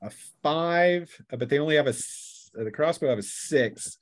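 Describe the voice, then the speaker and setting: Running a tabletop role-playing game as its game master, this man speaks with a fairly high, animated voice at a moderate pace. His improvised, casual narration is studded with sound effects and cries he performs himself.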